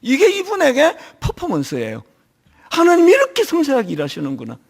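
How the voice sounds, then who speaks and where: A middle-aged man preaching a sermon as senior pastor, telling stories in an animated way with a touch of a lingering cold. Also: very high voice, a little fast, gravelly. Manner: animated storytelling, acting out quoted voices. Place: church.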